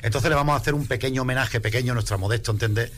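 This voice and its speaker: A man, a rumba singer, chatting in a radio interview in an animated, emphatic way. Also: medium pitch, very fast, noisy background. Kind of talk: casual interview chat.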